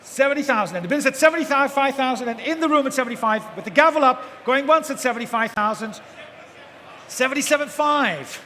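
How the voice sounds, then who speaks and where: A male auctioneer's extremely high, sharp voice moves fairly quickly as he repeatedly chants live bids and prompts bidders to go higher. He's in a large auction hall with a live audience, and the amplified event is echoey and noisy.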